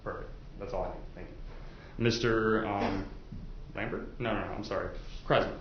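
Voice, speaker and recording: Polite and conversational, though sometimes hesitant, a man questions jurors as a lawyer in a courtroom. His voice is on the low side, steady and at normal speed, captured in echoey, dull indoor audio with faint noise.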